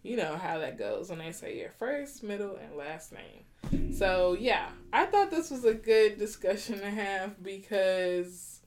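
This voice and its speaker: A woman's voice: medium pitch, lively intonation, measured pace, darkish tone, a little hiss or hum. A woman co-hosting a relationship podcast, talking casually and with animation, laughing and teasing her partner. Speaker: podcast co-host.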